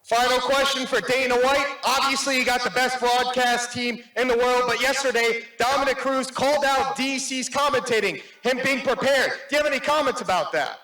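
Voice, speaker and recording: A man's voice: very high-pitched, normal speed, few pauses, bright, forceful tone. A man working as a reporter, putting formal questions at a press conference. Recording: echoey press conference room.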